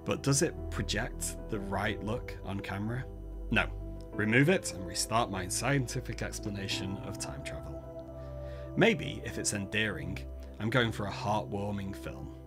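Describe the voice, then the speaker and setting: With a Mancunian accent from Manchester, England, a man who is a palaeontologist hosts a gaming stream, reading a text adventure aloud and adding chatty, self-mocking asides. His pitch is fairly low and his pace a little slow, with background music playing.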